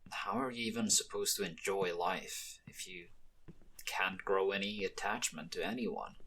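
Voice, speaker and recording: In an ASMR roleplay, a man plays a young mafia henchman who is guarded and weary but quietly kind. He speaks to the listener in a low-key, hesitant way, with a somber, confiding mood and slight background noise.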